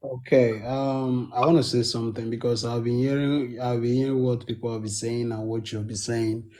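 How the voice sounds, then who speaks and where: A man's voice: mid-range voice, level tone, normal speed, warm tone, a little hiss or hum. A man calling into a talk show, eager and insistent, repeating himself as he presses a question. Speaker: caller. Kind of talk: casual call-in chat.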